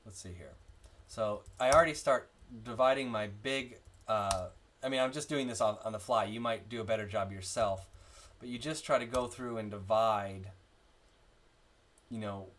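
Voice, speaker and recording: A man's voice: fairly low pitch, measured pace, pauses often, fairly bright tone. A man explaining how to chant readings, talking with many fillers and restarts while walking through his marked-up text. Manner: breaks into sung chant examples. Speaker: church music instructor. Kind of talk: screen-share chant tutorial.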